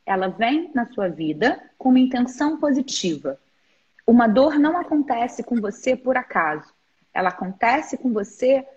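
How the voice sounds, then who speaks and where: A woman in her forties with a Brazilian accent and a slightly high, husky voice. She speaks as a guest therapist on a live stream, explaining earnestly with frequent restarts. The sound is dull and muffled. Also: a little mellow. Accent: Brazilian Portuguese. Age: 40s. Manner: earnest, halting, with many restarts and quoted inner speech. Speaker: guest therapist and teacher of energetic alignment.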